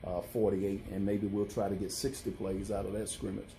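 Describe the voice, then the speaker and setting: A man answering interview questions as a football coach, speaking haltingly and rephrasing as he goes. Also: on the low side, level tone, mellow, slight background noise. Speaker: college football head coach.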